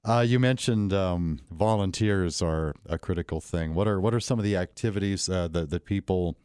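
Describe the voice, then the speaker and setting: A man's voice: deep voice, moderate pace, darkish tone, smooth, no room sound, clean studio sound. A man hosting an interview, asking rambling questions with many stops and restarts. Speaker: radio show host.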